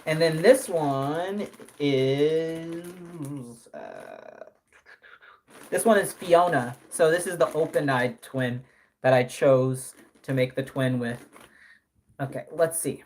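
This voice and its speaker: A man's voice: fairly high pitch, sing-song, slow pace, a little mellow, slight background noise. Young man, early twenties, live stream host, casual rambling chat, frequent self-corrections. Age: early 20s. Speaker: live streamer and doll artist.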